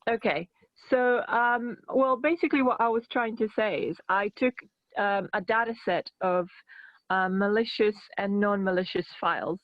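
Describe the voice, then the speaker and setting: A woman's voice: medium pitch, moderate pace, dry recording. Woman talking over a muffled phone. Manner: hesitant, many fillers and restarts. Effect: speaking over a phone. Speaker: researcher presenting her work. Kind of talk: online meeting presentation. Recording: muffled phone-quality audio.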